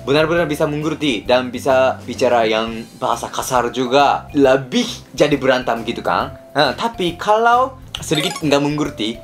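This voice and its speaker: A man's voice: on the high side, fairly bright tone. A young man from Kansai in Japan with a Japanese accent, chatting playfully to camera and slipping in Japanese particles. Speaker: vlogger. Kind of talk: casual chat to camera.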